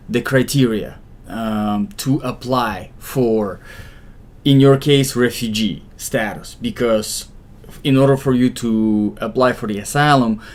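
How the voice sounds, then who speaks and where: Man giving reassuring immigration advice. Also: medium pitch. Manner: explanatory, reassuring, with frequent fillers and restarts. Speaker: immigration consultant answering viewer questions. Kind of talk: casual livestream advice.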